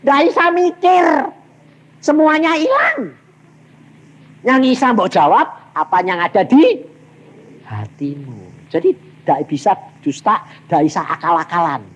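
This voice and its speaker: A man with a Javanese accent preaches a sermon as an evangelist, telling stories and acting out both sides of every exchange. His storytelling is animated, with big vocal swings through the dialogues. His voice is very high and husky.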